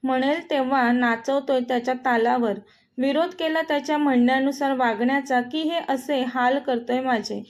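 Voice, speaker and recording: A woman's voice: high voice, fairly even intonation, moderate pace, close to an everyday voice. A woman reading a story aloud, voicing a tearful young wife who complains bitterly about her husband.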